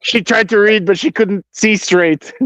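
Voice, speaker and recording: A man joking around deadpan in a casual chat stream. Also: high-pitched, a little slow, no room sound. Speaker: stream co-host.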